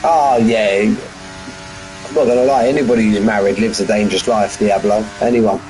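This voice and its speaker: A man's voice: fairly low pitch, fairly even intonation, normal speed, darkish tone, a little hiss or hum, low-quality recording. A man giving live race commentary on a stream from his front room at home, chatty and full of banter with his viewers. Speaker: sim racing commentator.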